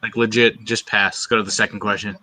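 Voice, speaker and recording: A man's voice: on the low side, little pitch movement, fairly quick, pushed and bright. A man guessing as a trivia contestant on a casual podcast, speaking bluntly and teasing the others. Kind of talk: casual chat.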